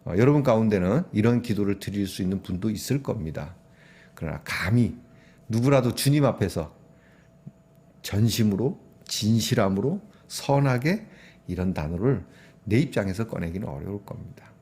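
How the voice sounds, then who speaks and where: A middle-aged man preaching a sermon in a conversational way, sometimes acting out prayers in a hushed voice. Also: on the low side, expressive, moderate pace. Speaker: pastor.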